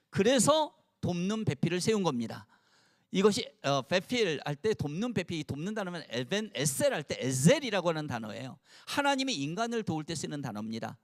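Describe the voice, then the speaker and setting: A pastor in his sixties preaching to mothers in a church, playful and having the audience repeat phrases after him. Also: sits high. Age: 60s. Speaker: pastor and longtime teacher. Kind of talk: sermon to a mothers' gathering. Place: church, before a live audience.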